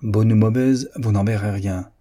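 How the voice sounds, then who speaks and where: A man's voice: fairly low pitch, fairly even intonation, normal speed, dark tone, natural voice. A man reading a proud young woman's lines in a period novel, speaking firmly and coolly, with dignity. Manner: firm, cool, dignified.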